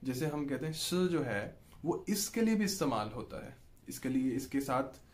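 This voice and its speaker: A man with a Pakistani Urdu accent teaches an online lesson in an unhurried, explanatory way. His voice sits at an ordinary middle pitch. He keeps pausing to check that the listener is following. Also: very animated. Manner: patient, repeats "ठीक है जी" to check in, draws out example sounds. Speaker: language teacher.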